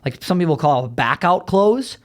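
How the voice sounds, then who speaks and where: Blunt, fast-talking man on a podcast. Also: a little high, animated. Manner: blunt, fast storytelling with many "right?" tags. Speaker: ad agency founder, podcast guest. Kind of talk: casual podcast conversation. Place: podcast studio.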